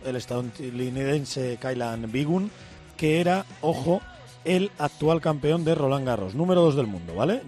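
A man delivers a radio sports report at a mid pitch, building enthusiasm with emphatic asides. Faint music plays underneath. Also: darkish tone.

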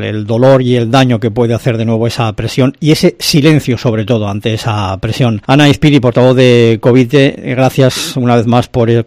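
A man hosting a radio interview, asking measured, probing questions. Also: mid-range voice, a little mellow, no echo, studio quality. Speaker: radio host. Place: radio studio.

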